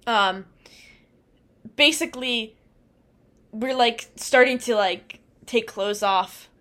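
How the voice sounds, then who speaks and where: Chatty young woman, slightly high voice. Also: slow, fairly bright tone. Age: 20s. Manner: rambling, fills with "like" and "um"; laughs often while telling. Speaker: podcast co-host. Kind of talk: casual storytelling chat.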